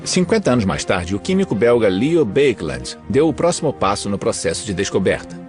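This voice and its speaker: Low, lively Brazilian male narrator over music. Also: fairly quick. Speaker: documentary narrator. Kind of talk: scripted documentary narration, dubbed. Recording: music under the voice.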